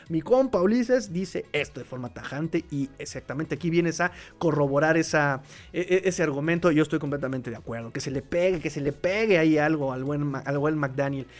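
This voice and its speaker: A man hosting a casual sports talk show, animated and excitable, full of fillers and restarts. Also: fairly high pitch. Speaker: podcast host. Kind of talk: casual sports talk, reading viewer comments.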